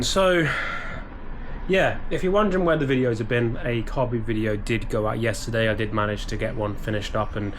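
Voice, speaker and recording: A British eBay reseller vlogger rambles casually to camera from his small home office, full of ums and restarts. His medium-pitched voice has a fairly bright tone but sounds a little stuffy and bunged up. There is slight background noise.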